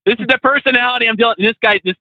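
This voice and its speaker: A man's voice: very high voice, racing, dry recording. A man talking shop about training new truck drivers. He tells his stories loosely, with plenty of fillers and slang. His voice comes through a narrow, phone-like line that sounds dry. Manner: laid-back, slangy, many fillers and restarts. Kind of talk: casual storytelling.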